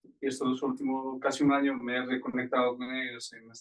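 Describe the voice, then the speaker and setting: A man's voice: medium pitch, monotone, brisk, a bit bright, distant mic, rough recording. A man from the congregation sharing in a church discussion, conversational and full of hesitant fillers. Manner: conversational, filler-heavy with este. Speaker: congregation member. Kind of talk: church Q&A talk.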